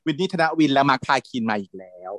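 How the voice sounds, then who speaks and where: A man co-hosting a casual chat about TV series, animated and gushing as he talks. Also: mid-range voice, quick pace, dry recording. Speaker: podcast co-host.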